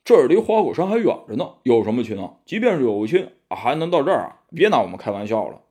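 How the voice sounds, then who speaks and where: A man voicing a loud, blustering pig-faced monk in a storybook reading. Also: medium pitch, very animated, quick pace, lightly acted. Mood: doubtful. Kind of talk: children's storybook narration.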